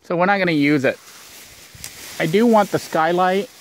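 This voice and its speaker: A man's voice: high-pitched, moderate pace, a little hiss or hum. A man narrating a casual outdoor vlog, rambling and thinking aloud with lots of fillers, recorded on a handheld camera. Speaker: vlogger building a shelter. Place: outdoors in brush.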